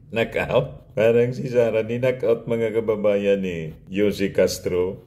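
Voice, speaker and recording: A man's voice: on the low side, level tone, measured pace, warm tone. A man from Albay with a Bicolano accent, giving mocking political commentary as a vlogger and broadcast journalist, chuckling between remarks. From Albay, Philippines.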